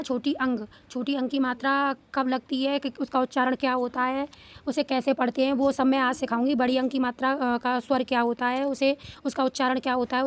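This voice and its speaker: A woman teaching small children to read, patiently repeating questions and stretching out sounds slowly. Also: high-pitched. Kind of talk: Hindi reading lesson for children.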